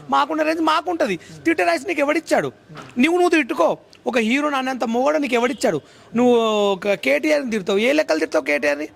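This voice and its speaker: A man's voice: very high-pitched, gravelly, fairly bright tone. A man, giving a heated interview and mimicking others in broken English.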